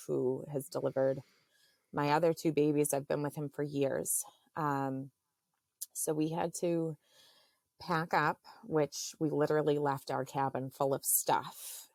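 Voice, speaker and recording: A woman in her thirties, a podcast guest, telling a personal story in a halting, earnest way with many fillers. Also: sits low, dry recording, studio quality.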